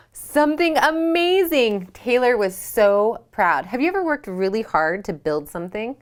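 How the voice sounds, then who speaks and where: A woman leading a children's yoga storytime at home. She reads a picture book aloud and asks the kids gentle questions. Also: mid-range voice, sing-song, normal speed.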